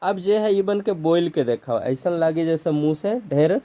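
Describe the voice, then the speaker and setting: A man with a Nagpuri accent teaches an exam-prep grammar lesson step by step, asking his own questions and then answering them. His voice is a little high, warm, and a bit slow, with lively intonation.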